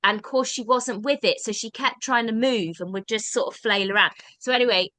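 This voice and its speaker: A woman's voice: a little high, brisk, bright, forceful tone, dry recording. A British woman, a podcast guest, telling a personal story in a rambling, casual way with many restarts. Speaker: guest, drama workshop founder.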